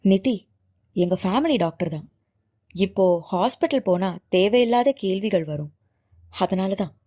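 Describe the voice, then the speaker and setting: ஒரு பெண் ஒலிப்புத்தகத்தில் மென்மையாக ஆறுதல் சொல்லும் பாதுகாப்பான இளைஞனுக்குக் குரல் கொடுக்கிறார், சற்று தாழ்ந்த, மெதுவான குரலில். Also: female voice, medium pitch, lively intonation, a little slow. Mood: gentle. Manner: soft, soothing, coaxing. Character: tender young man, protective and gentle. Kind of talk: audiobook character voicing.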